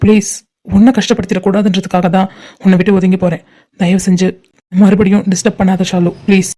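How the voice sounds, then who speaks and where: A woman's voice: medium pitch, level tone, quick pace, warm tone, close to an everyday voice. A woman voicing a heartbroken young man in a fan-made cartoon, pleading and repeating please as he turns away his love. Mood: pained.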